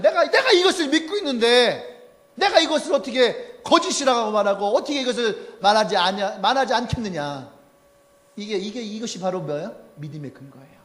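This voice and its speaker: A male pastor preaching a sermon to his congregation, animated and often acting out the people in his stories. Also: high voice. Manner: animated, acts out quoted people with shouts and laughs. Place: church sanctuary. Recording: echoey church hall.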